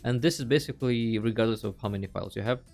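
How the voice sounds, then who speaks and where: The host of a video game tutorial channel narrates his screen step by step, playful and dryly joking in a casual way. His medium-pitched voice is gravelly with a darkish tone and comes rapid-fire, with faint music behind it.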